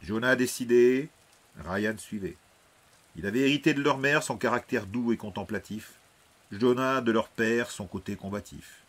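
A man reading an audiobook in measured, dramatic scripted narration. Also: mid-range voice, a bit bright.

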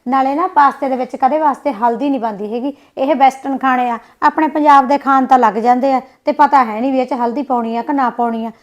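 A woman with a Punjabi accent portrays a sulky young village wife in a short film, grumbling and snapping back quickly. Her voice is high-pitched, and the recording is muffled.

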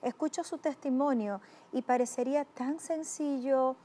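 A woman's voice: high-pitched, steady tone, moderate pace, warm tone. A woman interviewing a priest on a TV show, with short encouraging reactions.

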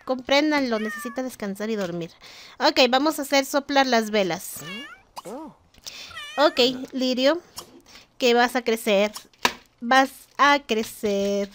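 Chatty high-voiced woman. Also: takes it slowly, pauses often, fairly bright tone, slight background noise. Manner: chatty, exasperated, jokes with game characters. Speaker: gaming vlogger. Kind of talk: casual gameplay commentary.

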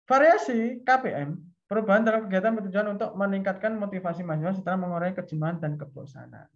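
A man with an Indonesian accent, a lecturer giving a chatty online session on teaching tips, explaining step by step and acting out examples. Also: sits high. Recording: dull lo-fi video call audio.

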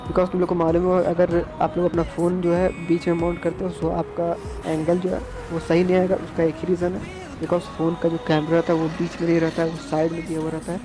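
Riding a scooter through traffic, a young Indian moto vlogger records on a phone mounted on his helmet chin, rambling chattily and repeating himself. His pitch is fairly high and monotone, his pace brisk, and there's music in the background.

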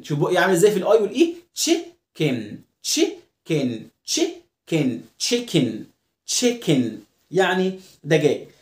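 A male English teacher with an Egyptian Arabic accent, giving a phonics lesson and repeating each word over and over for students to copy. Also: a little high. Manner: drills pronunciation, repeating words many times. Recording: roomy echoing room.

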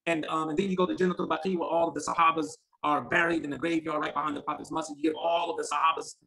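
A man in a casual group chat about a pilgrimage, animated and repeating words as he gets excited. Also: a little high, very fast, gravelly, a crowd in the background, poor audio. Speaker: podcast panelist.

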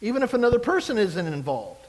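A man's voice: sits high, sing-song, fast, big-room sound, rough recording. A male pastor giving a sermon, preaching expressively and asking the congregation rhetorical questions.

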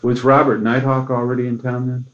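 An American music journalist conducts an interview in a casual, curious and attentive manner. He speaks at medium pitch, in a monotone and a little fast, on muffled interview tape.

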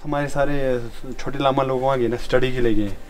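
A man's voice: medium pitch, fairly even intonation, moderate pace, over music. A man, a senior monk, speaking plainly and matter-of-factly, heard from a distance.

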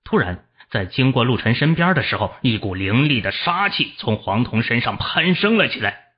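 A man narrating a fantasy novel audiobook in a steady storytelling voice and voicing its characters. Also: mid-range voice, normal speed, husky. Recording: dull lo-fi audio.

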